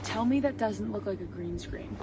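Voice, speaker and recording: A young woman talking to her camera in a casual, chatty, excitable way while out on a mountain hike. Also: mid-range voice, normal speed, loud music behind the voice. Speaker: vlogger. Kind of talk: casual hiking vlog. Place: outdoors on a mountain trail.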